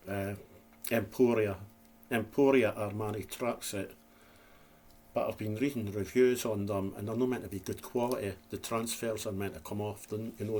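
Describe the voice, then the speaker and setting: A man's voice: fairly low pitch, a little mellow, slight background noise. A Scottish man vlogging in a casual, rambling, self-deprecating chat to camera, with a slight lisp. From Scotland.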